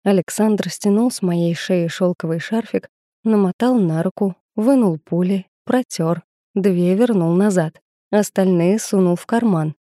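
A woman narrating a first-person audiobook in a steady, intimate storytelling manner on a close studio mic. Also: medium pitch, unhurried, no echo.

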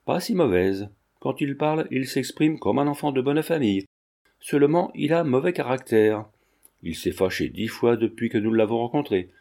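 A man's voice: mid-range voice, lively intonation, normal speed, dark tone. A man reading a novel aloud, voicing a carefree, whimsical young Parisian man who speaks earnestly. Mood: assured.

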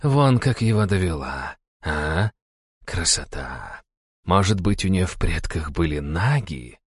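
A man's voice: deep voice, sing-song, slow pace, breathy edge, no room sound, studio quality, exaggerated voice. A man voicing a sly, mocking female naga in an audiobook. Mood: gloating.

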